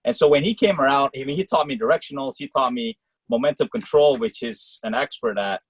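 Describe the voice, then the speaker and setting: A man from Malaysia talks as a college tennis coach in a relaxed interview. He speaks in loose, rambling clauses filled with "um" and "uh." His voice sits at a middle pitch, and the sound is close and dry, with no room echo. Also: brisk, breathy edge. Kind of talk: casual interview answers.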